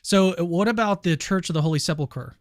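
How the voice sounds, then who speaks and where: A man's voice: sits high, a little fast, dry recording, clean studio sound. Eager man interviewing a guest. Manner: eager, hedging with uh and restarts. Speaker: interview host. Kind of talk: casual interview questions.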